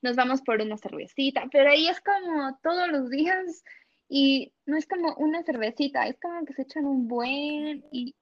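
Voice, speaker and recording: A woman's voice: high voice, moderate pace, no echo, lo-fi sound. A young woman with a Mexican Spanish accent, telling stories as an interview guest, acting out dialogue and laughing often. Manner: animated storytelling, acts out dialogue, laughs often. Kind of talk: casual interview chat.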